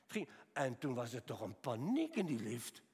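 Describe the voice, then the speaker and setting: A man in his seventies preaching a sermon, telling personal stories and moving between quiet, slow passages and raised, emphatic appeals. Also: medium pitch, huge pitch swings, breathy edge. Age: 70s. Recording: long hall reverb.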